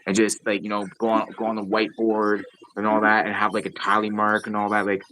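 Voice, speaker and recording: A man with a low-pitched voice chats loosely on a live stream. His talk is rambling and profane, full of filler phrases. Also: monotone, fairly quick, bright, forceful tone, a little hiss or hum. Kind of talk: casual chat on a live stream.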